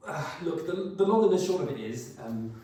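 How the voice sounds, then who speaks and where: Man acting mellow, hesitant, evasive fiancé. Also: fairly high pitch, expressive, fairly quick, close to an everyday voice. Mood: nervous. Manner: hesitant, stammering, placating. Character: nervous, evasive fiancé hiding a secret job. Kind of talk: staged rehearsed reading of a comedy drama. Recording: very echoey room, distant microphone.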